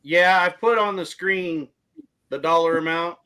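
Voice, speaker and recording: Bright-voiced man. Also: high-pitched, steady tone, unhurried, clear, resonant tone. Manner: plainspoken, hesitant restarts. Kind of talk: casual chat.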